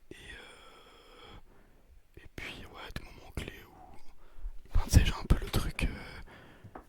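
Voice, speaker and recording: An ASMR video creator, a young man, whispers breathily and slowly into a close, sensitive microphone that catches occasional breath puffs and bumps. Chatting casually to viewers, he rambles, hesitates, and keeps putting himself down.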